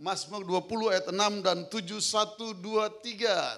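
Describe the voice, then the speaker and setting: High-voiced fervent pastor. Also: male voice, fairly even intonation, measured pace, creaky, bright, forceful tone. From Southeast Maluku, Indonesia. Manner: rhythmic repeated phrases, calls the congregation to respond. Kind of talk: fervent sermon and prayer.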